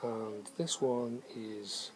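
Holding the camera at arm's length, a homebrew vlogger from England reviews beer and cider outdoors in his garden on a sunny day. He's a man in his fifties with a fairly low, steady voice who draws out his words. His talk is casual, full of ums as he thinks aloud.

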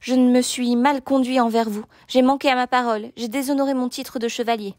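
A woman's voice: on the high side, steady tone, a little fast, darkish tone, dry recording, studio quality, lightly acted. A woman voicing a proud, fiery young male knight in a storybook reading, calling out defiant challenges. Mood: ashamed.

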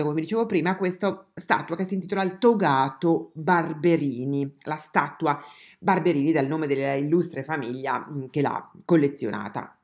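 A woman giving an art history lesson as a voice-over, talking straight to her viewers with many fillers and restarts. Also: lowish voice. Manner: addresses viewers directly.

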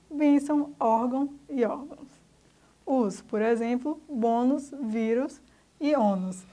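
A woman's voice: fairly high pitch, a little mellow. A woman teacher with a Brazilian Portuguese accent, patiently explaining a grammar lesson to children step by step. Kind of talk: recorded remote school lesson.

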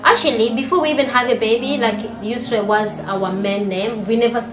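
Chatty and fairly high-pitched, a young Rwandan woman in her twenties talks a little fast as a vlogger co-host. She laughs a lot and trails off softly during the casual chat on a living room sofa. The sound is roomy, with music in the background.

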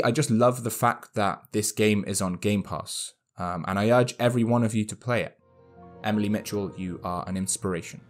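A man narrating a scripted game review in a wry, candid way. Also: lowish voice. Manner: wry, dry, candid, chuckles at his own jokes.

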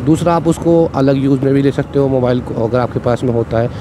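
Brisk and mid-range, a male moto vlogger's voice carries casual, chatty explanations as he rides a motorcycle through the city outdoors. He tends to repeat "ठीक है", and his cheap wired mic records the surrounding traffic noise.

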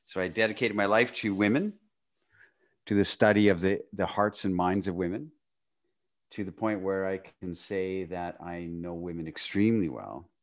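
A man in his fifties from northwestern Canada, a guest on a video-call podcast, telling his story in a relaxed way with frequent laughs and quiet, trailing phrases. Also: moderate pace. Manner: relaxed, laughs often, drifts into a quiet, low voice. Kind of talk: casual conversation. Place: home room, video call. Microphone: studio mic on a boom arm.

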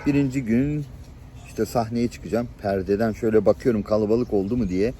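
Mellow-voiced man telling lively anecdotes. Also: lowish voice, fairly quick, a little hiss or hum. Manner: lively anecdotal storytelling, chuckles and acts out voices. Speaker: channel host. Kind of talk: personal storytelling to camera. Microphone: camera-facing, showing viewers things on screen.

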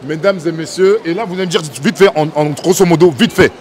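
High-voiced, fast-talking street interviewer man. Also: darkish tone. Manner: teasing, pushes for answers. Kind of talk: street vox pop interview. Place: outdoors under a large covered plaza, city.

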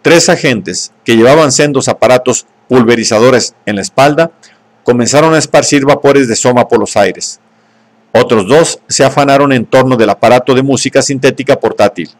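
A man narrating an audiobook in a steady, measured way. His voice sits at an ordinary middle pitch. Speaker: audiobook reader.

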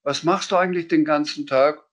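A man voicing a mild, patient gentleman who speaks calmly. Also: a little high, fairly quick, natural voice.

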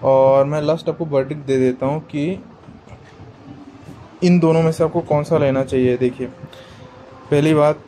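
A man's voice: on the high side, steady tone, normal speed, pauses often, dark tone, a little hiss or hum, rough recording. A man giving a casual how-to product demo, chatty and explanatory, talking straight to his viewers. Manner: chatty and explanatory, often addresses the viewers as guys. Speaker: product reviewer.

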